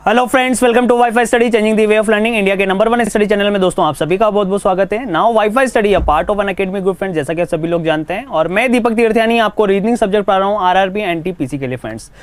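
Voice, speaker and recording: Guy teaching a live exam class, quick and pushy, smooth clear voice, dry close sound. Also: high-pitched, no room sound. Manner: brisk, coaxing, mixes Hindi with English. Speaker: online reasoning teacher.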